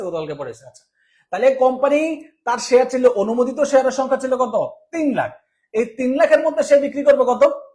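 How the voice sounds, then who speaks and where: A man from Bangladesh delivers an exam-prep accounting lecture. He moves at a fast clip, firing questions at students and answering them himself in a teaching tone. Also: high voice, darkish tone.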